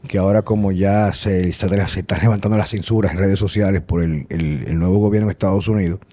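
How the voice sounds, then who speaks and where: Low, dark-voiced male podcast host. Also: steady tone, brisk. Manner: conversational and rambling, with many restarts. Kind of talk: casual conversation.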